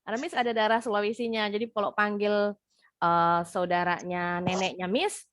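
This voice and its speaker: A woman's voice: mid-range voice, little pitch movement, fairly bright tone, no echo, studio quality. Patient Indonesian woman teaching English. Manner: patient, explains slowly, repeats words for pronunciation. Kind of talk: online class teaching. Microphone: video call.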